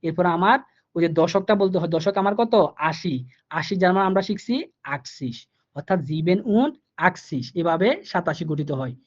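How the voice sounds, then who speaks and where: A man teaching German numbers in a live online class, explaining each step slowly, repeating himself and asking the students questions. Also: high voice. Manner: repetitive, patient, asks the students questions. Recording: dull lo-fi online class audio.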